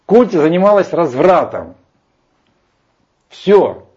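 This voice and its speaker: A man lecturing on Vedic scripture argues emphatically in a heated discussion, rambling and hesitating as he goes. His voice is a little high and darkish, with a sing-song, slow delivery and a breathy edge. The recording has a dull lo-fi sound.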